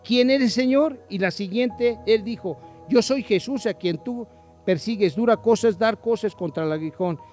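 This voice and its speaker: A man's voice: high voice, moderate pace, darkish tone, soft background music. A man preaching a sermon, reading Bible passages aloud and putting direct questions to the listener. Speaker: pastor.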